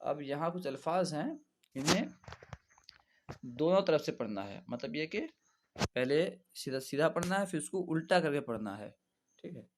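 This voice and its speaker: A man teaching an Urdu reading lesson, spelling out each syllable patiently and repeating words slowly for learners. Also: fairly high pitch, lively intonation, background noise.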